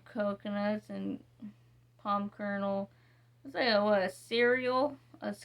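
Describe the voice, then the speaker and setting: A woman casually reviewing bar soaps, reading ingredients slowly and rambling with many fillers and restarts. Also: medium pitch, vocal fry, fairly bright tone. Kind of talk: casual product review chat.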